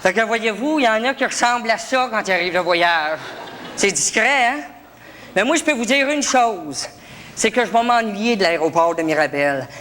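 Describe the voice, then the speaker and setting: A woman comedian with a Québécois accent doing an animated stage monologue, miming charades and making sound effects. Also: medium pitch, normal speed. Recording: live show, loud crowd and room noise.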